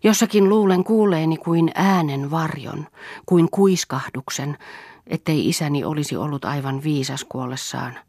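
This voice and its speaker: A woman reading the part of an earnest, thoughtful young orphan woman in a soft, slightly raised voice. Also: low-pitched, no room sound, studio quality.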